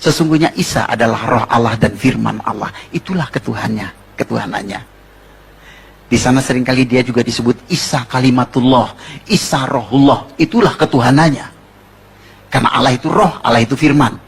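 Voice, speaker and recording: Husky-voiced Betawi preacher man. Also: medium pitch, fairly quick. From Jakarta, Indonesia. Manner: animated, joking preaching with rhetorical questions. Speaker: pastor. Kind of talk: sermon.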